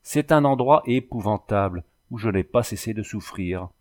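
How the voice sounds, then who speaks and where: A man's voice: lowish voice, animated, moderate pace, close to an everyday voice. A man voicing a distraught young woman back from some otherworld, speaking in a trembling, pleading way. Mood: anguished.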